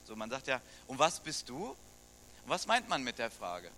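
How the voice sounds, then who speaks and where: Bright-voiced German pastor preaching. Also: male voice, mid-range voice, wildly swooping pitch, moderate pace, slight background noise. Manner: conversational, asks the congregation questions. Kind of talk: sermon.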